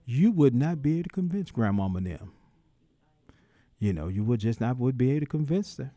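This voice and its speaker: A man's voice: mid-range voice, very animated, brisk, mellow, no room sound. A man hosting a call-in radio talk show, folksy and preacherly, voice rising and dropping in emphatic bursts. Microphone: studio microphone.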